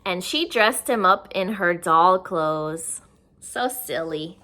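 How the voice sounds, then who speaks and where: Reading a picture book to small children, this woman speaks with a fairly low pitch and a slow, animated delivery. Her tone is bright and forceful, and she breaks in with easy explanatory asides as she tells the story expressively.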